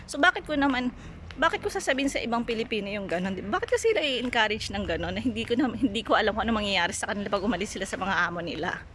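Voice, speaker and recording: A woman's voice: medium pitch, lively intonation, racing, fairly bright tone, slight background noise. A woman from the Philippines, chatty in a casual storytelling vlog, retelling conversations and talking to her viewers. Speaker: vlogger. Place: Greece.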